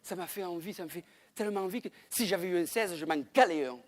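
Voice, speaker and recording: A man's voice: high voice, fast. A male comedian telling a rambling comic story on a small theater stage, chatty, with frequent asides and crude exclamations. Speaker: stand-up comedian.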